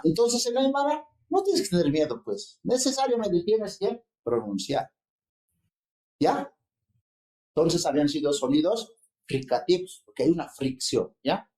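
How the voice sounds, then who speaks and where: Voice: medium pitch, mellow, roomy sound, rough recording. A lecturer giving a university seminar on phonetics, explaining step by step and often checking that students follow. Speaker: linguistics lecturer.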